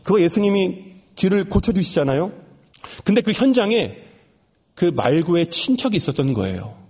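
A man preaching a sermon and retelling a story with dramatic swings, rising for emphasis and dropping to soft, hushed lines. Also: high-pitched, sing-song, moderate pace, husky. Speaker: pastor.

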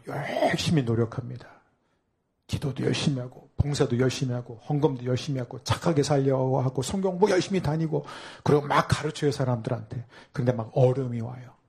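A man's voice: medium pitch, darkish tone, husky. A man preaching a sermon as a pastor, who asks the congregation questions and acts out the inner voices of believers.

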